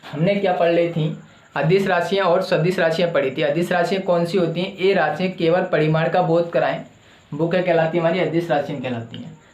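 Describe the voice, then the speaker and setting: A man's voice: a little high, a little mellow, echoey room, rough recording. A male teacher giving a classroom lecture who asks his own questions and answers them, repeating the key terms.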